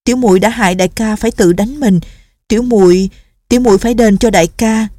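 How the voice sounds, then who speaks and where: A woman's voice: mid-range voice, fast, warm tone, no echo, voice pushed up, lightly acted. A woman voicing a timid, tearful young nun girl who pleads anxiously and stammers. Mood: anxious pleading.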